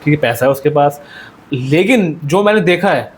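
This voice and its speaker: A man's voice: on the high side, animated, normal speed. A young man talking earnestly as a podcast guest, repeating points and mixing English phrases into his speech. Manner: earnest, repetitive, mixes English phrases into Hindi-Urdu. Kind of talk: conversational discussion.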